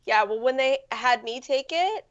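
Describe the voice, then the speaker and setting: A woman hosting a casual gaming chat, animated, with gasps and quoted asides. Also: high voice, normal speed, muffled recording, a crowd in the background.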